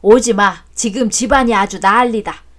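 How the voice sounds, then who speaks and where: A woman's voice: mid-range voice, moderate pace, close to an everyday voice. A woman voicing a scolding old father-in-law. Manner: loud and scolding. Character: grumpy older male father-in-law, quick to scold.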